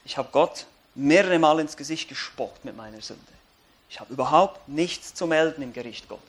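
Emphatic high-voiced preacher man. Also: slightly rough. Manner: emphatic, swings from loud declarations to quiet earnest appeals. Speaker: pastor. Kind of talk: sermon. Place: church.

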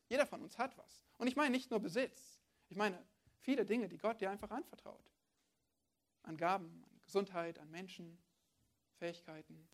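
Woman preaching in a chatty, questioning way. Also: mid-range voice. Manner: conversational, addresses listeners directly with rhetorical questions. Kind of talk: sermon.

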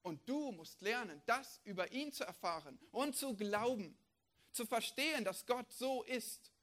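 A male preacher delivering a sermon with strong conviction. He fires off rhetorical questions, then drops to a quiet, intense tone before rising again. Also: extremely high pitch, lively intonation, measured pace. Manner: emphatic, fires off rhetorical questions, swings between loud and hushed.

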